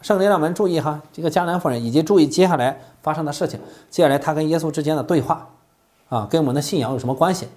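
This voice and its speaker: A man preaching a sermon, animated, asking the listeners rhetorical questions and coughing now and then. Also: on the high side, rapid-fire.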